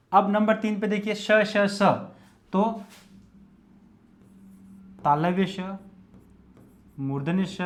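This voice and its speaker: A male Hindi lecturer teaching an exam-prep lesson, explaining each step methodically and repeating it while he writes. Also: fairly high pitch.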